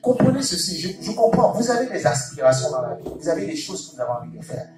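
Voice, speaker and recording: A man preaching with fervour, his fairly high voice leaping up and down as he repeats phrases and calls out alleluia. He is heard from a distance in a very echoey church hall, with music playing clearly behind him. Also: sing-song, quick pace. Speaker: pastor. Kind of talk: sermon.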